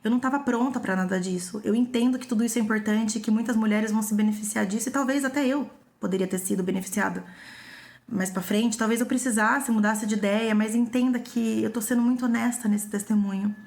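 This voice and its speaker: A young woman with a Brazilian Portuguese accent speaks in a personal testimony vlog. Her voice sits slightly high and has a gravelly, fry-laced texture. She talks earnestly and with feeling, and she repeats phrases for emphasis. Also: steady tone, fast, a little mellow. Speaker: psychologist sharing her own story.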